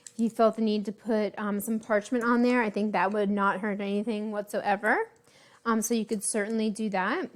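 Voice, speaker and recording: Chatty American woman, fairly high voice, unhurried, walking viewers through a home bake. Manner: chatty, relaxed, many ums and asides. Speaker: home baking instructor. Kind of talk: casual cooking demonstration.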